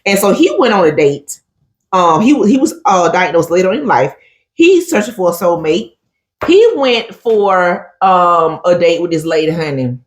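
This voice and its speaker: Woman, animated storyteller, keeps saying honey, lively pitch, roomy echo. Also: normal speed. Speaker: co-host. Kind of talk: casual chat recapping a reality show.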